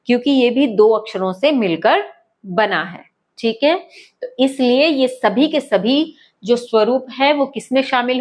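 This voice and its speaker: A woman teaching a lesson to schoolchildren, speaking patiently, repeating points and checking that they follow. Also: a little high. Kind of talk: online lesson.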